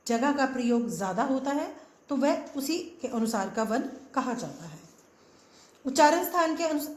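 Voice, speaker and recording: A woman's voice: high-pitched, echoey room. A woman teaching a grammar lesson, patiently sounding out letters one at a time and slipping English words into her explanations. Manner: mixes English words into Hindi. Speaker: Hindi teacher. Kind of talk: classroom-style grammar lesson.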